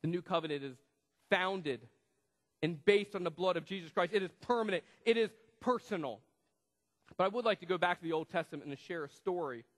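A male pastor preaching a sermon in a church, swinging between loud, emphatic passages and hushed, quiet ones. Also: high voice, fairly quick. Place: church sanctuary. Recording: long church hall reverb.

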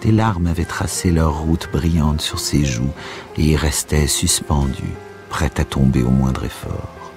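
A man reads a classic novel aloud for a radio broadcast, measured and expressive. His voice sits very low. Faint music runs underneath. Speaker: reader. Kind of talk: literary reading for radio.

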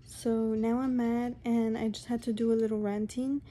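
A woman rants to her camera from home, with a deep, mellow timbre pitched a touch high. She sounds exasperated and circles back over the same points, and she keeps calling the viewer honey. Her intonation stays fairly flat. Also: normal speed. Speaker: vlogger. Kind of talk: casual rant to camera.

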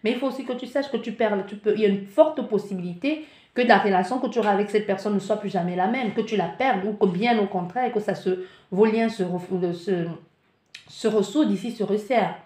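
A tarot card reader in an echoey room gives spiritual guidance from a card reading, her medium-pitched voice moving fairly quickly. She's animated, often restarting or searching for words, and acts out the listener's panic in asides.

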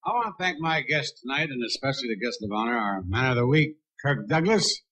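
A man hosting a televised roast on a 1970s show, relaxed and wry. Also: medium pitch, fairly quick, breathy edge, highs cut off. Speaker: host. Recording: 1970s TV broadcast, loud audience.

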